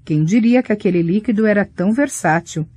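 A woman narrating a first-person romance audiobook in a soft, reflective way. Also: mid-range voice, expressive, brisk, dry recording.

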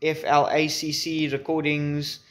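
In a small room at home, a man in his twenties gives a casual how-to demo on a camera's built-in mic, which sits at varying distances. His voice is fairly high and fairly bright, with little pitch movement and a measured pace. He keeps it informal, tossing in wry jokes and mild swearing.

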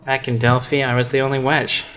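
Here a man voices the same sarcastic, grumpy witch from a game's dialogue, keeping things dry and close to his everyday speaking voice. He talks briskly in a mid-range, fairly bright tone with level intonation, and faint game music sits in the background.

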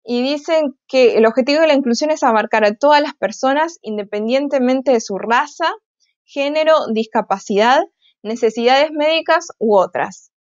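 A woman's voice: a little high, dry recording, muffled recording. A woman giving an online tech conference talk, hesitant, with frequent filler sounds and restarts. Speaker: conference speaker.

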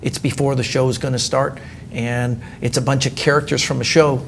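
Gravelly-voiced man chatting in a studio. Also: mid-range voice, moderate pace, a little hiss or hum. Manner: animated storyteller, acts out quoted lines, chuckles often. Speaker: magician guest. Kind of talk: casual studio discussion. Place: dark TV studio set.

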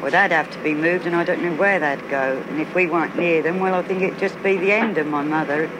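A man's voice: fairly high pitch, steady tone, brisk. A man who lives in the village, answering an interviewer in a plainspoken, worried way. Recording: noisy old film soundtrack.

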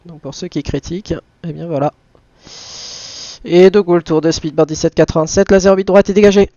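Man, high-pitched, flight sim pilot commentary, muttered asides, radio calls, dry slightly muffled mic. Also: steady tone, a little fast, dark tone, no room sound. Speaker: flight simulator streamer playing airline pilot. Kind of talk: live commentary mixed with aviation radio calls.

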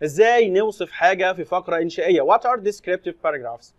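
A man with an Egyptian Arabic accent, teaching a lesson and reading English slowly before explaining it in Arabic. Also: high-pitched, expressive, no echo. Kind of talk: recorded classroom lesson explanation.

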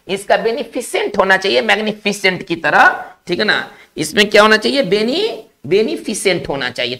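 A male teacher giving a spelling lesson, explaining slowly, repeating key words and checking in with his class. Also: high-pitched, gravelly, bright, forceful tone.

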